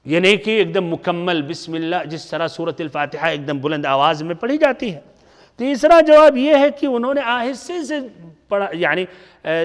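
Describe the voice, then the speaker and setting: Guy teaching hadith, high voice, lots of hall echo, asks the class then answers himself. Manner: explains step by step, asks the class questions and answers them. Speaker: Islamic teacher. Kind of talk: hadith lesson lecture. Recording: long hall reverb.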